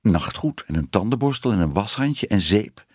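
A man voicing a young female cat turned into a woman, speaking meekly and pleadingly, raised in pitch, in a storybook reading. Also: expressive, normal speed, a little mellow, breathy edge, no room sound, studio quality. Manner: meek and pleading.

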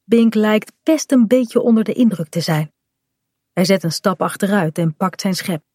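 A woman calmly reading a children's story aloud in a gentle storytelling manner. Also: medium pitch, normal speed, no echo, studio quality. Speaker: storybook reader.

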